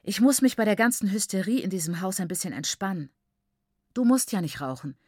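A woman's voice: mid-range voice, animated, fairly quick, a little mellow, dry recording, studio quality, lightly acted. A woman reading aloud voices a headstrong, defiant teenage girl who talks in agitated, rising bursts. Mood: tense.

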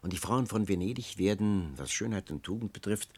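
A man reading aloud, voicing an old counselor who persuades with ornate, flattering speech, in a storybook reading. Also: deep voice, brisk, breathy edge, no room sound, pitched below the performer's own voice. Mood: urging.

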